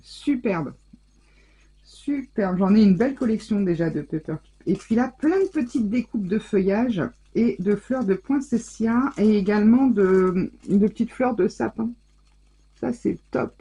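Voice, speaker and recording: A woman scrapbooking vlogger chats casually through an unboxing, exclaiming over every little thing. Her voice is mellow and warm, with a soft huskiness. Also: medium pitch, moderate pace, husky, poor audio. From France. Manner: gushing, chatty, exclaims over each item.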